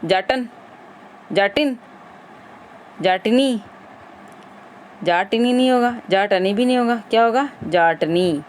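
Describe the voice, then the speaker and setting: A woman's voice: medium pitch, slow, pauses often, slight background noise. A woman teacher running an exam-prep grammar lesson, quizzing viewers and repeating the answers.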